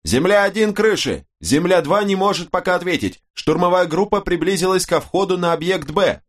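A man voicing a squad commander shouting reports over a distant, breaking-up radio link. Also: high voice, lively intonation, moderate pace, pitched above the performer's own voice. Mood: urgent. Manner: urgent, clipped shouting. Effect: distant, breaking-up radio transmission. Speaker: audiobook narrator. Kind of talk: dramatic audiobook reading.

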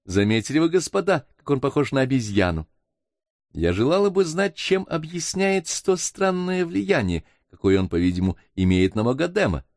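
A man reading aloud, voicing a curious, excitable young woman traveler with a raised voice in an audiobook. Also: mid-range voice, moderate pace, no echo, studio quality, voice pushed up, close to an everyday voice. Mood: amused.

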